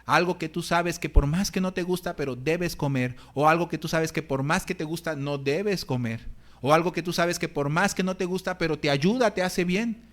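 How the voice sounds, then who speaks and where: In a church hall, a middle-aged pastor with a fairly high voice preaches a sermon at a moderate pace. He's humorous, telling funny stories about himself and acting out his own groans and complaints.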